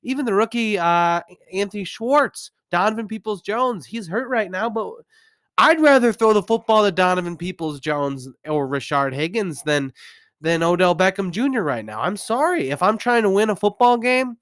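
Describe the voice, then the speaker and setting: A man with a cold-stuffed nose, working as a sports commentator, rants through an opinionated, meandering football recap, restarting his thoughts again and again. His voice is high-pitched and fairly bright, with lively intonation at a normal speed. The sound is clean studio quality with no room sound.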